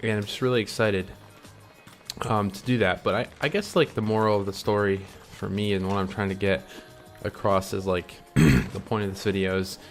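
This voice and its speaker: A man's voice: on the low side, fairly even intonation, moderate pace, faint music behind. A young man talking to camera in a casual, rambling way, full of ums and restarts, earnest about following his dreams. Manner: chewing candy while talking. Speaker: vlogger. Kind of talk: casual reflective monologue.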